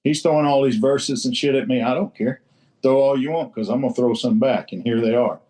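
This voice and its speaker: A recovery group member speaks at a roundtable in a brisk, dark-toned, medium-pitched voice captured on a rough recording. His casual share is blunt and salty, full of free swearing and repeated points for emphasis.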